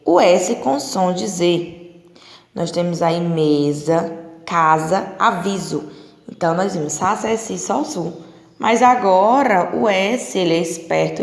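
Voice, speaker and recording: A woman's voice: medium pitch, creaky. Brazilian woman teacher in an echoey room. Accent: Brazilian Portuguese. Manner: slow, patient explaining to children, drawing out examples. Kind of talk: recorded classroom lesson. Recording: echoey room with long reverb.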